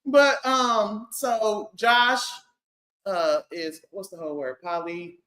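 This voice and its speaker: A woman's voice: mid-range voice, fairly even intonation, fairly bright tone. A woman hosting a casual podcast in a playful, loose way. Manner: playful, loose, slows to introduce topics. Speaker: podcast host. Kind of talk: casual chat.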